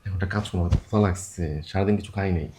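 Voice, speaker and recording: An actor playing a young husband who stammers and coaxes his upset wife, talking very fast. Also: deep voice, level tone, noisy background. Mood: coaxing. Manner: stammering, coaxing. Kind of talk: TV drama acting.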